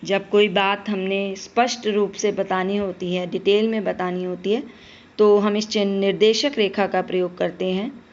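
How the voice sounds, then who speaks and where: A woman's voice: medium pitch, flat delivery, moderate pace, a little mellow, highs cut off. A woman teaching a primary school Hindi lesson, patiently addressing the children, asking questions and then answering them herself. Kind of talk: classroom lesson explanation.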